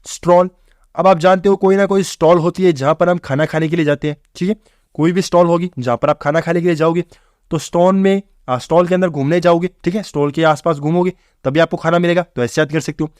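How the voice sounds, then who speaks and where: With a slightly high voice and studio-quality sound free of any room echo, a man runs through English exam vocabulary and mnemonics. He speaks rapid classroom Hindi mixed with English, repeatedly asks "theek hai bhai," and tests the viewer as he goes.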